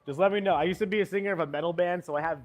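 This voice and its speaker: A man with a high-pitched, racing voice coaches golf, tossing out brief cues and encouragement while the student takes swings in this hands-on lesson.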